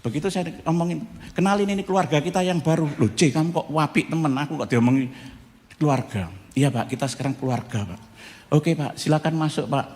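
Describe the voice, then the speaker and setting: Pastor telling a jokey testimony. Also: male voice, on the high side, a little fast. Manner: lively, jokey storytelling, acting out quoted voices. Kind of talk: humorous testimony sermon. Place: church hall. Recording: reverberant church hall.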